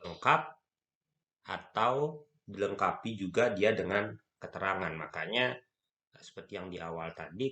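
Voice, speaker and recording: A man lecturing on grammar, speaking slowly and stressing key terms, with frequent fillers as he explains. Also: low-pitched, pushed and bright. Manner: slow, stressing key words, frequent "ya" and "nah".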